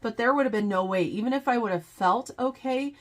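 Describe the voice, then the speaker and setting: A woman's voice: fairly high pitch, fairly quick. Congested woman chatting to her viewers. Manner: chatty, addresses viewers as "you guys". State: congested from a cold. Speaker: budgeting channel host. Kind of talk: casual budgeting vlog.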